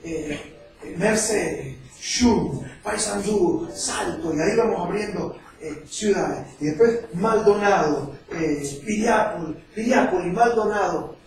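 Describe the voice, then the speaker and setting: An evangelist with a high, animated voice speaks slowly as he preaches and recounts his personal testimony with emotion, acting out the voices of people he quotes. The mic sounds distant and echoey, with faint music behind him.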